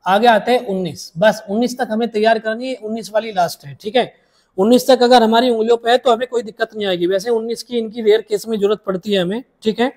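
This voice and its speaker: A man teaching a maths lesson, repeating each step slowly and calling his students dear children. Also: high-pitched, steady tone, darkish tone.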